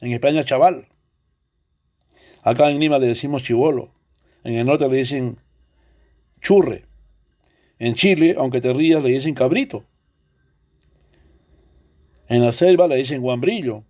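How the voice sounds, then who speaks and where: Peruvian man teaching a mellow lesson. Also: mid-range voice, unhurried, pauses often. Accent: Peruvian Spanish. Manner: explanatory, asks rhetorical questions. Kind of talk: recorded online language lesson.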